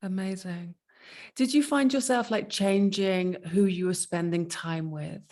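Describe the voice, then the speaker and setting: A woman hosting a casual interview, asking chatty questions and cheering her guest on with quick affirmations. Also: mid-range voice, darkish tone. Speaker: interview host.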